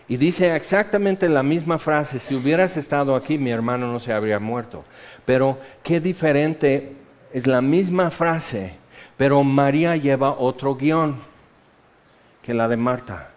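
A man preaching a sermon, animated, swinging between loud bursts and hushed, intimate passages. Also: on the high side. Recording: dull lo-fi sound.

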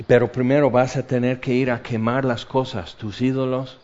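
Dramatic Mexican preacher, lo-fi sound. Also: male voice, medium pitch, level tone, moderate pace. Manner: dramatic, swings from loud exclamations to hushed asides. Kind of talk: sermon. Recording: dull lo-fi recording.

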